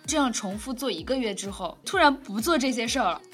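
A woman's voice: fairly high pitch, expressive, quick pace, fairly bright tone, soft background music. A young woman co-hosting a casual chat, handing out relationship advice in a conversational way. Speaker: co-host.

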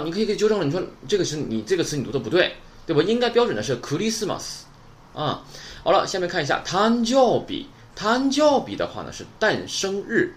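A man teaching Japanese vocabulary in a casual lesson, chatty and full of rhetorical questions. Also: on the high side.

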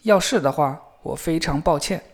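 A man voicing a naive, fearless young man who talks loudly and eagerly. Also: fairly high pitch, moderate pace, lightly acted. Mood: protesting. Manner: loud, shouting and eager.

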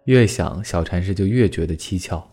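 Low, mellow male storyteller. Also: breathy edge. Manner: measured, dramatic storytelling. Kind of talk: scripted storytelling narration. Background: faint guitar music.

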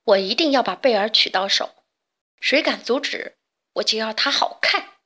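A boastful young male hunter swaggers through this storybook , a woman putting him on. He drawls his lines slowly and smugly, pitched up. Every word sounds pleased with itself. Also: sharp tone. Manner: smug, swaggering.

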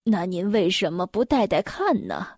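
A woman reading a children's story, lowering her voice to play a polite, mild shopkeeper man. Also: very animated, normal speed, a little mellow, no room sound, studio quality. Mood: calm. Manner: low, mild and courteous.

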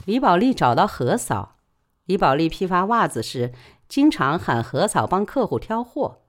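A woman storyteller narrating a novel in a Wuhan dialect with expressive delivery. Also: on the low side, normal speed. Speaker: audiobook storyteller.

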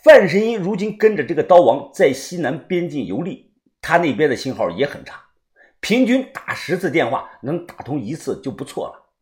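Animated male audiobook narrator, dramatic delivery. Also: fairly high pitch, normal speed. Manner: lively, dramatic storytelling. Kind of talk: serialized storytelling.

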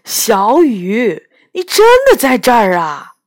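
A woman voicing a gruff, proud male palace beast with a dragon's body and bull horns, blunt and scoffing, in a storybook reading. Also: a little high, very animated, slow, a little mellow, no room sound, clean studio sound. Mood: puzzled.

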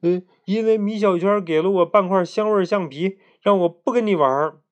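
A man voicing a greedy but honest young schoolboy in a read-aloud children's story, in a bright, childish storybook voice. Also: sits high, a little fast, voice pushed up, close to an everyday voice. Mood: candid.

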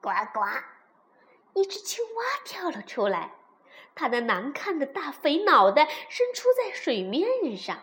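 A woman narrating a children's fairy tale, gentle and expressive. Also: sits high, unhurried. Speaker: storyteller.

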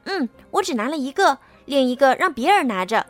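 A woman's voice: sits high, big pitch swings, brisk, faint music behind. A woman voicing a crowd of noisy animal workmen who call out and bicker with each other. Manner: quarrelsome, calling out. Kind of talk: storybook reading.

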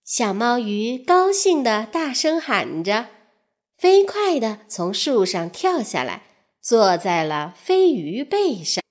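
A woman reading a children's story aloud in a slow, expressive storybook cadence. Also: on the high side.

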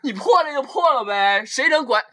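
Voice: sits high, animated, normal speed, sharp tone. A young adult in casual banter, teasing and swearing. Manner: teasing, profane.

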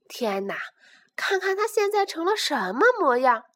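A woman voicing a small, easily upset girl bear cub with a shrill, whiny manner in a storybook reading. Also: big pitch swings, normal speed, a bit bright. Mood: wailing.

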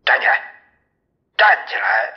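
A man voicing a gruff, bossy army company commander who barks orders and curses. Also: measured pace, lo-fi sound, lightly acted. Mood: barking. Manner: barking orders, cursing.

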